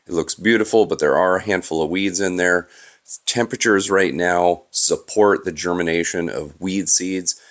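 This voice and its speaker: A man's voice: low voice, normal speed, a bit bright. A man with a cold and a stuffy voice, casually explaining his lawn care work in a vlog, with frequent "uh" fillers. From Southern California.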